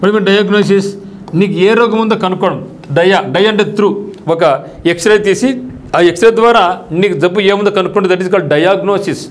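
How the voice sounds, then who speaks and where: A man's voice: high-pitched, moderate pace. A male teacher who explains English vocabulary for an exam, asking rhetorical questions and mixing in casual local speech. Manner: explains English words in Telugu with colloquial asides and rhetorical questions. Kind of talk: exam-prep vocabulary lesson.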